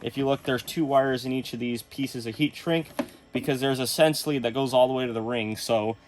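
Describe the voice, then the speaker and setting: A man's voice: mid-range voice, normal speed. A young man casually walking viewers through troubleshooting electronics in his workshop studio, explaining each step as he goes. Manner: shaken and excited at first, then calm explaining. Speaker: electronics repair video host. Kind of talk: casual hands-on demonstration.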